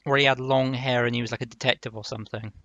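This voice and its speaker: A man chats casually on a podcast, dropping wry, joking asides. His voice is a plain middle pitch. The recording is dry and close, with no room echo. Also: flat delivery, fast, fairly bright tone, dull audio. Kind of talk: casual chat.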